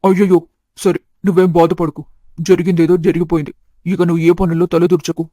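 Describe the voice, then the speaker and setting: A woman voicing a young husband gently consoling his wife in a storybook tale. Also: on the low side, level tone, brisk, no echo, pitched below the performer's own voice, close to an everyday voice. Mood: soothing. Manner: soothing.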